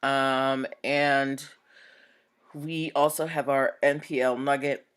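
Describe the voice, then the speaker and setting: A woman's voice: very deep voice, flat delivery, slow pace, clean tone. A woman hosting a live-streamed show about business and legal topics, chatty and upbeat, talking straight to viewers, with the hiccups. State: has the hiccups. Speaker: host.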